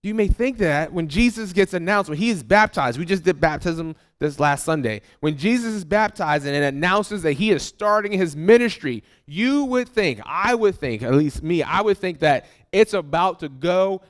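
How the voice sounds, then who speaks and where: A man's voice: high voice, expressive, moderate pace, hardly any pauses. A man preaching a sermon as pastor. He talks to the congregation in a conversational way and often repeats a word as he restarts a thought.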